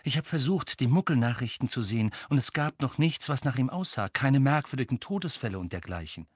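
Man reading earnest impatient teen boy, direct, lively voice, dry sound. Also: mid-range voice, brisk, breathy edge, dry recording, pitched above the performer's own voice. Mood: earnest questioning. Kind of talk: audiobook character voice.

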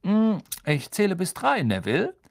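A man's voice: high-pitched, wildly swooping pitch, normal speed, gravelly, pitched above the performer's own voice, exaggerated voice. A man voicing a kindly male wizard teacher in an audiobook, with a raised, upbeat, coaxing delivery. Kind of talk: audiobook character voice.

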